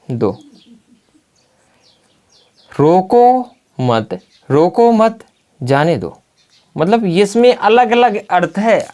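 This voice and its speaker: A man's voice: a little high, clear, resonant tone. A man teaching a grammar lesson at a blackboard. He often poses a key word as a question and then answers it himself. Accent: Hindi. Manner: slow and deliberate, spelling out examples.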